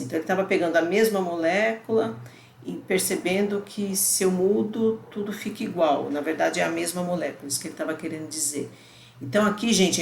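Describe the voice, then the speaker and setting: A lower-pitched woman in middle age explains research concepts in a relaxed lecture, pausing often to check that her students follow. Her voice carries a noticeable room echo, and a faint hiss sits under the recording. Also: gravelly. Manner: explanatory, conversational, frequent "né?" and "ó". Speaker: university lecturer. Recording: roomy echo with faint background noise.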